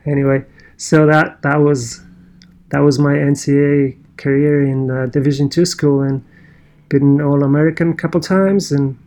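A Polish man with a Polish accent tells his own story in casual conversation. His voice sits on the high side with a steady, darkish tone. He speaks haltingly, often restarting sentences and using many fillers.

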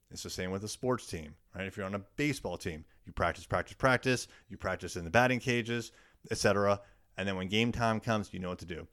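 A man's voice: sits low, a bit bright. A man giving a solo business talk as a podcast host, explaining in a coaching style with emphatic repetition of key words.

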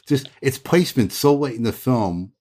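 A man's voice: mid-range voice, animated, normal speed, a little mellow, breathy edge. A man hosting a podcast, chatty and opinionated as he discusses old film comedy scenes. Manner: chatty and opinionated, frequent laughs. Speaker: podcast host.

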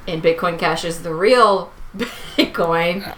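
A woman on a casual podcast panel speaks in a fairly low voice, quick and blunt with her remarks. A faint hiss runs under her voice. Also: fairly bright tone, rough recording.

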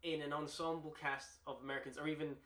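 A man's voice: fairly high pitch, level tone, fast, fairly bright tone. A man chatting casually as a podcast co-host, laughing often and enthusiastic. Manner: chatty, laughs often, puts on voices in jokes. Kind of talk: casual chat. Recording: echoey room.

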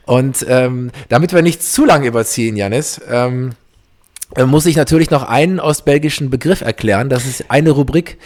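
A man's voice: medium pitch, moderate pace, a little mellow. A man hosting a casual podcast, talking loosely with many fillers and restarts. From East Belgium. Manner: chatty, many fillers and restarts, laughs easily. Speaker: podcast host. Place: podcast setup, Berlin.

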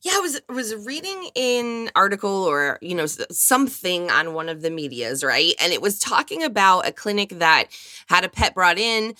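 An American woman talks in a casual, emphatic podcast style. Her voice is slightly low and notably bright, with vocal fry. The sound is dry, with no room on it. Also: expressive, moderate pace, no echo. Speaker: podcast co-host, veterinary technician.

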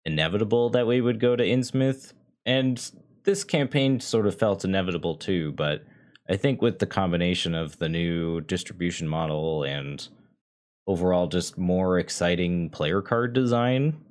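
A man with a very low voice hosts a casual podcast discussion. His delivery is loose and hedging, peppered with filler words. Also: moderate pace. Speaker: podcast host.

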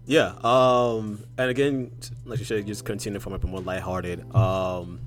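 A very deep male voice, low and unhurried, talking casually as a podcast co-host. He fills his sentences with "um" and "like" as he works through ideas. Faint music sits behind him. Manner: relaxed, filler-heavy talk about investing.

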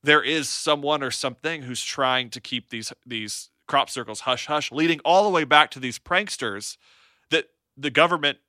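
A man's voice: medium pitch, normal speed, pushed and bright, no echo, clean studio sound. A man co-hosting a casual podcast, rambling with fillers and restarts as he builds a theory. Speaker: podcast co-host.

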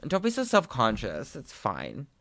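A man with heavy vocal fry and a camp, effeminate delivery, chatting casually as a podcast co-host. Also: medium pitch, wildly swooping pitch, unhurried, a bit bright, no echo, clean studio sound. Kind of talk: casual chat.

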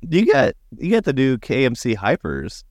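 A man chatting casually on a podcast with halting, understated remarks. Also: medium pitch, huge pitch swings, dry recording, studio quality.

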